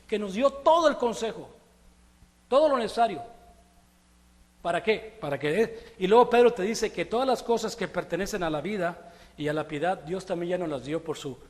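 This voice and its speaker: Casual preacher, male, lively with his congregation, recorded in a reverberant church hall. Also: high voice, fairly quick. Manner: conversational, animated preaching with rhetorical questions. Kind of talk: sermon.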